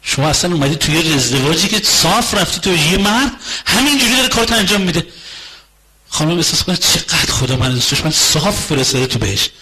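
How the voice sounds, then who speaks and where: A man giving a conversational talk on marriage, acting out both spouses in quick back-and-forth dialogue with repetitive phrasing. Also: on the high side, sing-song, bright, forceful tone, slightly rough, rough recording. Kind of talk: lecture on relationships.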